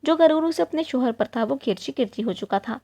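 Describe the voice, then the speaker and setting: A woman narrating an emotional moral story in the first person, in an earnest, steady storytelling tone. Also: high voice, creaky.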